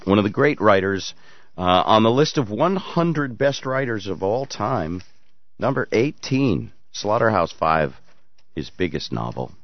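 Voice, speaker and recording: A man's voice: on the low side, very animated, unhurried, no room sound, lo-fi sound. A man hosting a radio call-in show, talking casually with callers. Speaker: radio talk show host.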